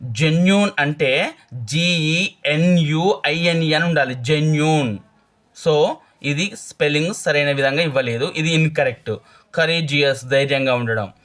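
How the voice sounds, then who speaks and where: A man teaching exam English questions, reading each question slowly and then explaining it quickly. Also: fairly high pitch, fairly bright tone.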